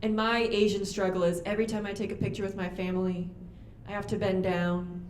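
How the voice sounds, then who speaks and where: A young woman doing a stand-up comedy set on a club stage, delivering deadpan punchlines and quick acted-out voices into a handheld mic. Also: mid-range voice, slight background noise. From United States. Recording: roomy club with audience ambience.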